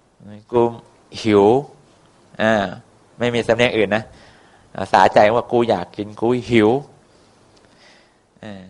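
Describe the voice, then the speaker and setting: Rambling male storyteller. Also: fairly low pitch. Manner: rambling, many fillers, coarse words. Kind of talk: casual spoken folk tale.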